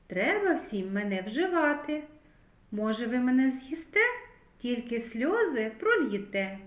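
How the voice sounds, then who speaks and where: A woman teaching a recorded literacy lesson to preschoolers, speaking slowly and clearly and drawing out words syllable by syllable. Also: on the high side, reverberant. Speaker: kindergarten teacher.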